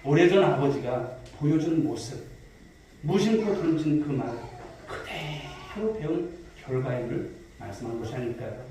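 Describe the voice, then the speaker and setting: A male pastor delivers a sermon, fairly high in pitch, with a mellow, warm tone. He asks the congregation questions and tells stories. The recording is very echoey and sounds distant, like a mic far back in a big church sanctuary. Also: animated, a little slow, slight background noise. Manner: preaching to a congregation, posing questions and telling stories. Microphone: distant mic in a reverberant hall.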